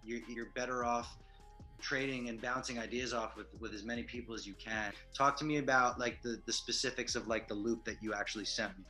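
A man's voice: mid-range voice, steady tone, brisk, bright, forceful tone, soft background music. A young adult man hosting an interview on a video call, asking direct questions in an upbeat, slangy way. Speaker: host interviewing a collaborator.

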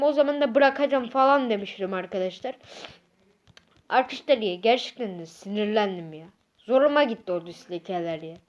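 Female gamer, high voice, agitated repetitive rant, dull lo-fi recording. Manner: agitated ranting, repeats herself a lot. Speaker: gaming YouTuber. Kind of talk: casual gameplay commentary.

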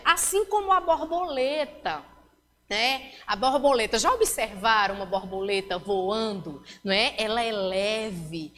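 Brazilian woman teacher, highish voice, explains step by step and keeps asking "ok?", kinda echoey room. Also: fairly bright tone, a little hiss or hum. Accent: Brazilian Portuguese. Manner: explanatory, checks in with frequent tag questions. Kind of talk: recorded classroom lesson.

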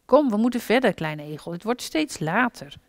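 Vrouw die een grote geduldige egel speelt. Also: female voice, mid-range voice, big pitch swings, normal speed, no room sound, clean studio sound. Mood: urging. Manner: gently urging, kindly. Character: big patient older male hedgehog.

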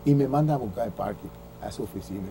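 A Dominican man in his sixties, a former baseball pitcher, telling stories in an interview and acting out the dialogue he quotes. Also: quick pace, gravelly, a little hiss or hum. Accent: Dominican Spanish. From Dominican Republic. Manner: lively storyteller who acts out quoted dialogue, with frequent restarts. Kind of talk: anecdotal storytelling in an interview.

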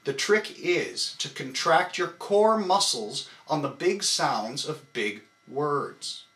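A man giving a scripted English accent lesson, slowly and emphatically demonstrating stressed syllables. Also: a little high, animated, a bit bright, echoey room.

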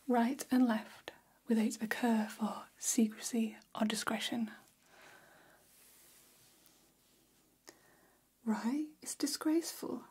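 In an ASMR salon roleplay, a woman plays a friendly female vampire hairdresser, whispering very breathily and softly in a mellow, slightly high voice. She's slow, unhurried and attentive, chatting like intimate, gossipy salon talk. The close microphone captures her in a small decorated indoor room.

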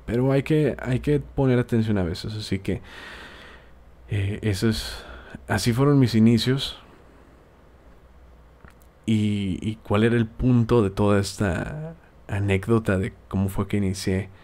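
Low-voiced Mexican man giving chatty advice. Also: fairly even intonation, measured pace, long pauses, a little mellow. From Tijuana, Mexico. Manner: friendly advice-giving, chatty, rambling with frequent hesitations. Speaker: podcast host and video maker. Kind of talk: casual podcast monologue.

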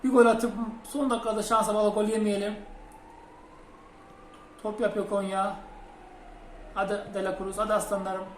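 A young man commentating his own football video game, muttering between plays and shouting at goals. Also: high voice, flat delivery, moderate pace, long pauses, a little hiss or hum. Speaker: gaming channel host. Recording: roomy home recording with game music behind.

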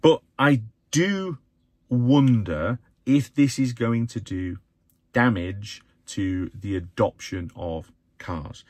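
English guy in his 40s ranting to his phone in the car, bit husky, close dry sound. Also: slow, dry recording. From England. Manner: animated, opinionated, swings pitch up for emphasis. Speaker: vlogger, channel host. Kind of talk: casual to-camera vlog. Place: inside a parked car. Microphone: phone or camera held close in front.

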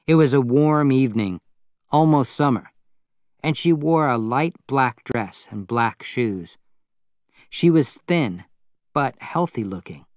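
A man reading a novel aloud as narrator in a measured, plain storytelling manner. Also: medium pitch, expressive, no room sound, clean studio sound. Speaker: audiobook narrator. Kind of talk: scripted narration.

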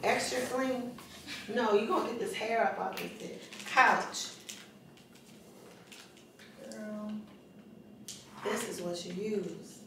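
A woman speaks slowly and informally, with a bossy manner. She is far from the microphone in a heavily echoing room, with loud noise over her voice. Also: mid-range voice, gravelly. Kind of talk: casual household talk. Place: indoors at home, away from the camera. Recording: very echoey room, distant mic, loud noise.

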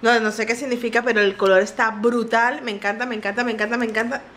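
A woman's voice: fairly high pitch, fairly even intonation, fast, fairly bright tone, a little hiss or hum. Chatty Venezuelan woman vlogging at home. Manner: chatty, playful and exclamatory. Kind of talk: casual home vlog. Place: home, indoors.

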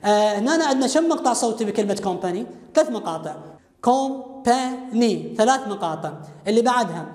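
A woman's voice: medium pitch, expressive, quick pace, hardly any pauses, a little mellow. A woman with an Iraqi Arabic accent teaching an English lesson, asking and answering her own questions and explaining each English phrase in Arabic. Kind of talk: classroom grammar lesson. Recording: echoey room with long reverb.

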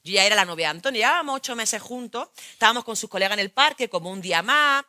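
A woman's voice: fairly high pitch, very fast. Frank Spain Spanish woman performing a monologue. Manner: lively, frank, crude colloquial storytelling addressed to the audience. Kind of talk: theatrical monologue.

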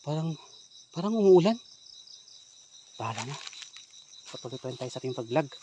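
A Filipino man who hunts ghosts on his vlog, talking to viewers outdoors at night. He moves between hushed murmurs and excited exclamations, and he chants a Latin-sounding incantation. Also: medium pitch, fast, slight background noise. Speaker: ghost hunter vlogger. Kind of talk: night-time paranormal vlog commentary. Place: outdoors at night near a hut, in the rain.

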